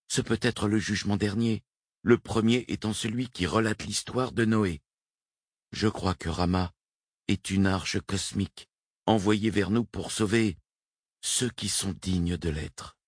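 A man reading the lines of a devout male cosmonaut, earnest and steady in his conviction. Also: fairly low pitch, a little slow, breathy edge, no echo, clean studio sound.

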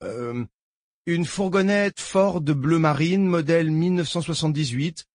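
A man's voice: fairly high pitch, measured pace, a little mellow, no room sound, clean studio sound, pitched above the performer's own voice, lightly acted. A man voicing a nervous young male sheriff's deputy who keeps hesitating over the radio. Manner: hesitant, stammers with frequent "uh".

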